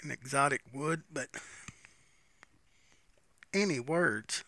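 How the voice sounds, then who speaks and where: A man's voice: mid-range voice, takes it slowly, pushed and bright. A man giving a casual, unscripted, folksy review, musing and repeating phrases as he smokes a pipe between them. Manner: talks while smoking a pipe between phrases.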